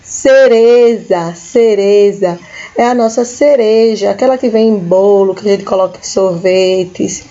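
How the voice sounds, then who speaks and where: A woman with a Brazilian Portuguese accent, teaching a recorded lesson to children, slowly and patiently repeating each word for young learners. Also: mid-range voice, fairly even intonation, dark tone, dull audio. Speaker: school teacher.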